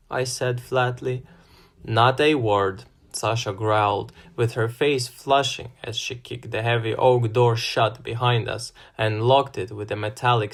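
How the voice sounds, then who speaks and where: A man reading a first-person fantasy novel as scripted narration in a measured manner. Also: mid-range voice. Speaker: audiobook narrator.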